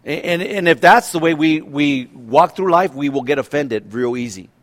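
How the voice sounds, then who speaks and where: A man in his fifties preaches in an easy, conversational way. His voice sits a little high for a man, and he keeps asking his listeners questions and restarting his sentences. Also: animated, moderate pace. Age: 50s. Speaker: pastor. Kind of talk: sermon.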